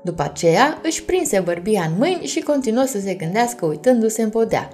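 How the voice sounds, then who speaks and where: Woman reading a bedtime story to kids, bouncy animated voice, soft music under it. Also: mid-range voice. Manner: gentle, addressing children warmly.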